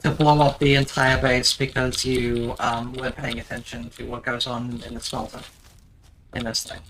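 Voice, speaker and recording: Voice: mid-range voice, level tone, moderate pace, fairly bright tone, a little hiss or hum. A streamer chatting casually while playing a game, teasing a co-player and explaining things with a dry wit and lots of ums.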